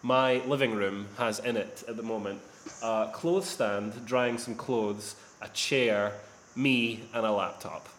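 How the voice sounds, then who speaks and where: A man's voice: lowish voice, fairly even intonation, slow pace, fairly bright tone, slight background noise. A man hosting a podcast in casual, rambling, self-deprecating chat, his voice echoing around a near-empty living room into a laptop mic. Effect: echoey sound from a near-empty living room. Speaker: podcast host. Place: sparse living room, indoors.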